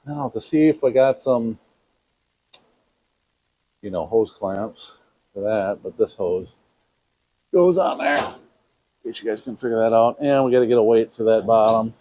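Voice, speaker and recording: A man's voice: lowish voice, a little slow, pauses often, mellow, dry recording, rough recording. A middle-aged man from Wisconsin talking casually to the camera while repairing equipment in his workshop, rambling and talking to himself. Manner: rambling, talks to himself, playful. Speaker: DIY repair vlogger.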